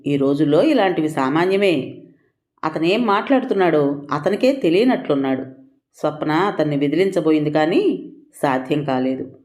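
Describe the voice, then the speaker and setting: A storyteller reads a novel aloud in a measured, expressive manner. The voice sits at a middle pitch, steady and scripted.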